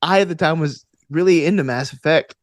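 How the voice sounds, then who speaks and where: Speaking a little fast in a fairly high voice, an American actor and game master shares stories as a guest in a relaxed, excited conversation, often saying "like" and "you know." The studio sound is clean with no echo.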